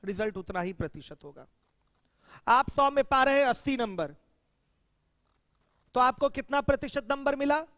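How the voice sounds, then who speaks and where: High-voiced man teaching maths in class. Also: lively intonation, moderate pace, long pauses, a bit bright, no echo, big-room sound. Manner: addresses students directly with questions, emphatic. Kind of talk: classroom lecture.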